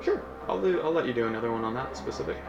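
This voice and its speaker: Male game master, mid-pitched, improvised narration and rulings, roomy echo, prominent music bed. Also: animated, rapid-fire, gravelly, lo-fi sound. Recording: echoey room, loud music behind.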